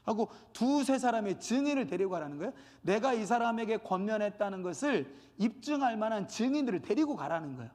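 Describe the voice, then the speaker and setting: Animated high-voiced male preacher, echoing hall. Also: quick pace, few pauses. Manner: animated, acts out quoted dialogue. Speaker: pastor. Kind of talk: sermon. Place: church sanctuary.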